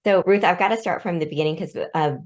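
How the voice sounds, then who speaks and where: A woman's voice: fairly low pitch, fast. A woman in her forties, born in Vietnam and raised in Seattle, speaking as an interview guest and explaining her ideas with everyday examples. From born in Vietnam, raised in Seattle, USA. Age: 40s. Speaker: guest, organizational development consultant. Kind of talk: interview conversation.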